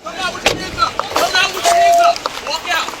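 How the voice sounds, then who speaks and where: Give me a woman officer shouting orders through a megaphone, very high and swooping, from far off amid loud outdoor noise. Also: big pitch swings, fairly quick. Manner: shouted commands. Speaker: police officer.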